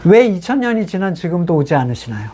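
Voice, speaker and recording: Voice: mid-range voice, very animated, fast talker, warm tone, a little hiss or hum. A pastor giving a sermon in a conversational way, reading scripture passages aloud and then explaining them with rhetorical questions to the congregation.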